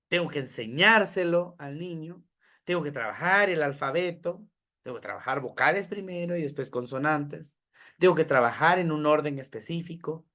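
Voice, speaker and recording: A teacher trainer in educational psychology gives an online training lecture to teachers in a slightly high, fairly bright male voice. He explains things step by step, lists examples, and keeps checking in with "¿verdad?". He speaks to listeners directly and asks how they are following.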